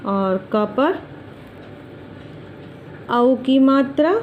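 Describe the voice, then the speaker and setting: A woman teacher giving a slow, deliberate alphabet lesson for children, drawing out each syllable for them to repeat. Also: high-pitched, animated, phone-quality sound, slight background noise.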